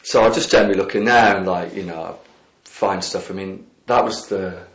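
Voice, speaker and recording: Low-voiced rambling man. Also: normal speed. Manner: rambling, full of "like" and "you know". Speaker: documentary interviewee. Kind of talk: casual recounting. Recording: echoey room.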